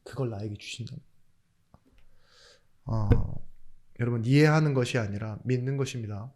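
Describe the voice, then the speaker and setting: A man's voice: mid-range voice, moderate pace, a little mellow. A male pastor giving a sermon, asking rhetorical questions, throwing in jokes, and suddenly raising his voice for emphasis. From South Korea. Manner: jokey asides.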